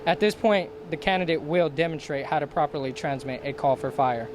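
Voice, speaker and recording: A man with a fairly high voice delivers scripted military instruction quite quickly, walking through each step in a formal, procedural way. Steady ambient background noise is clearly audible.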